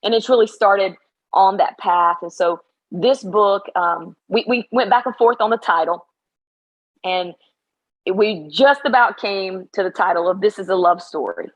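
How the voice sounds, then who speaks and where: Still a little hoarse after practice, this middle-aged basketball coach gives a rousing, emphatic pep talk during a relaxed interview. Her pitch is medium and her delivery a touch slow, while the audio quality is poor.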